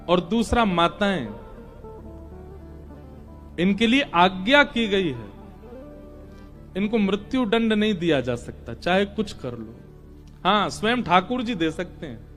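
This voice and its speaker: High-voiced male devotional storyteller. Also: slow pace, pauses often, faint music behind. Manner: animated, dramatic storytelling with chanted verses. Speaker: religious storyteller.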